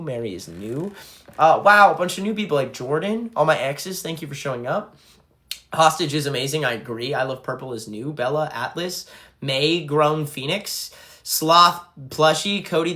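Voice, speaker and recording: A young band frontman livestreams to fans on his phone, reading their comments aloud and chatting casually in between. His voice is somewhat high for a man, bright and forceful.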